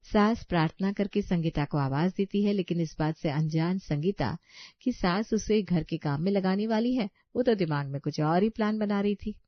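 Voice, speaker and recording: A woman's voice: mid-range voice, normal speed, no room sound, dull audio. A woman narrating a cartoon story in a plain storytelling voice.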